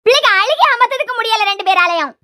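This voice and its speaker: Cartoon grandma voiced by a woman, very high and bright, fast nagging Kanyakumari accent. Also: animated, heavily acted. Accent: Kanyakumari Tamil. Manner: scolding, nagging. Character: bossy old grandmother, sharp-tongued mother-in-law. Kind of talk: cartoon serial voice acting.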